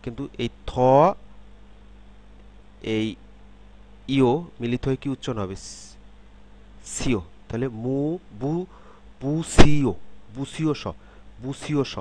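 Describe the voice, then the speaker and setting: A man's voice: medium pitch, fairly even intonation, slow pace, pauses often, darkish tone, a little hiss or hum. A man giving a step-by-step pronunciation lesson, repeating each example sound several times and asking checking questions. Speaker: language teacher.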